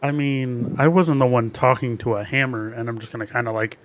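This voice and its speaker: A man talking casually and haltingly as a player in a tabletop role-playing game. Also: mid-range voice, fairly even intonation.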